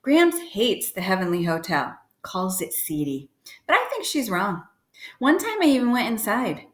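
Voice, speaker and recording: Lively woman reading a storybook aloud. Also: medium pitch, normal speed, reverberant. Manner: lively storytelling with brief voices for characters. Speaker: reader. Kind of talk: reading a children's novel aloud.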